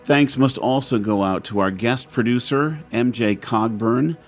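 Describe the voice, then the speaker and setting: Over faint background music, a man hosting an audio drama show reads the closing credits in a chatty, informal podcast outro that feels lightly scripted. His voice is medium in pitch and a little slow.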